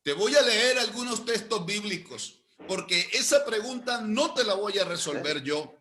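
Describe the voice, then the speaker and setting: A male pastor preaching a sermon, telling a story and swinging between loud emphatic phrases and low, slow ones. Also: lively intonation.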